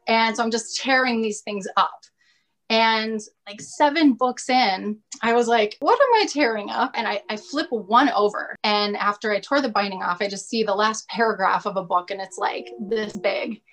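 A woman's voice: mid-range voice, fairly even intonation, normal speed, a bit bright. A woman podcast co-host telling a personal story in casual chat, candid and confessional, with many "like" fillers. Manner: chatty, many "like" fillers, laughs often.

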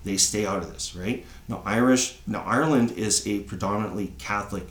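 This co-host, a Canadian man in his thirties, wanders from point to point in easygoing podcast banter, constantly checking with "right?" He speaks fairly low and a little fast, with a fairly bright tone and a roomy sound.

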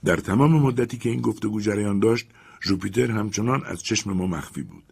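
Gravelly male storybook narrator. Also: lowish voice, animated. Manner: measured dramatic reading. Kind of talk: audiobook storytelling.

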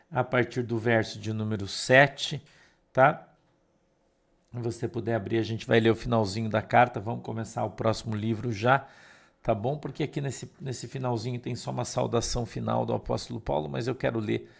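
A man's voice: mid-range voice, normal speed, vocal fry. A man with a Brazilian Portuguese accent who leads a morning livestream devotional as pastor, greeting viewers by name and reading scripture aloud. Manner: reads scripture aloud in a steady cadence.

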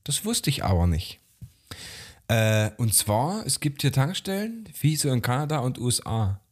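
A young man with a voice of average pitch chats casually on a podcast. He tells an annoying story in a lively way, acts out both sides of the dialogue and swears freely. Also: moderate pace, breathy edge. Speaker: podcast co-host.

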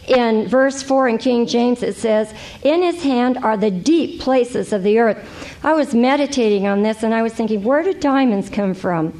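Animated woman teaching Bible study. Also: fairly high pitch. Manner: animated, exclaiming "ooh" and acting out prayers.

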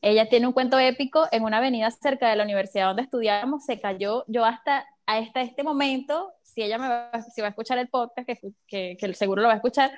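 A woman's voice: on the high side, quick pace, hardly any pauses. A woman co-hosting a podcast, chatty and teasing. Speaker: podcast co-host. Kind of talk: casual chat.

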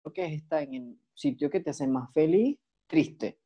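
A man's voice: a little high, normal speed. A man in a casual, heartfelt podcast chat, talking expressively with lots of slang. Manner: expressive, slangy, emotional storyteller. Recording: dull lo-fi recording.

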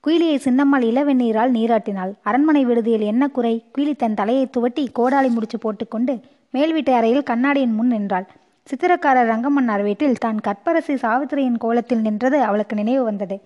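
A woman reading a story aloud as an audiobook narrator, with steady, expressive narration. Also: on the high side, a little fast, lo-fi sound.

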